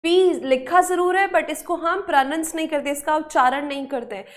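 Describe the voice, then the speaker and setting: A woman with an Indian accent teaching English spelling in a live online class, brisk and encouraging, urging students to answer quickly. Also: sits high.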